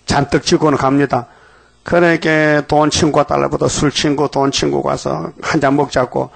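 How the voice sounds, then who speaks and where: A man's voice: mid-range voice, gravelly. An older man preaching a dawn revival sermon, telling a parable in a colloquial way and acting out the characters' dialogue.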